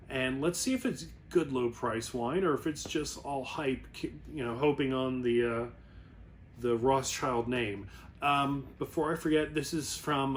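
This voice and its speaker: There's slight hiss or hum behind this man's mid-range voice as he rambles through a wine review. He's casual and informal, catching and correcting himself along the way.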